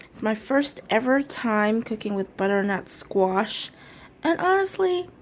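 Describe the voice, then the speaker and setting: A woman's voice: fairly high pitch, sing-song, a little slow, a little hiss or hum. A young woman chatting casually in a vlog, rambling a little and correcting herself as she talks. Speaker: vlogger.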